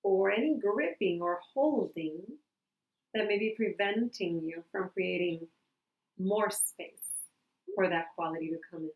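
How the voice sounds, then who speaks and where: A woman leading a calm grounding exercise as a meditation guide, speaking gently and unhurriedly with long pauses. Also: lowish voice. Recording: roomy, echoing sound.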